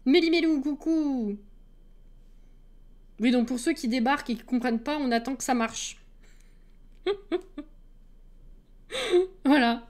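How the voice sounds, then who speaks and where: A woman's voice: sits high, slow, long pauses. A woman streamer in casual chat with her viewers, laughing often and greeting people as they come in.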